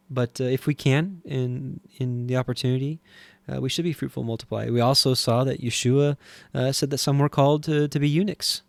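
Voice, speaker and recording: A man teaching scripture and reading it aloud, earnest and halting, with frequent restarts and moments of strong feeling. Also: mid-range voice, vocal fry, a little mellow, dry recording. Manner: easily moved, voice swelling with feeling. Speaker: Bible teacher.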